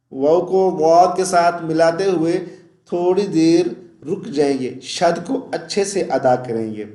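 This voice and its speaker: A man teaching Quran pronunciation, explaining quickly and reciting verses slowly and melodically, often asking "okay?". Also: on the high side, dark tone, echoey room. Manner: often checks in with "okay?" and "theek hai?". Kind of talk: tajweed lesson with melodic recitation.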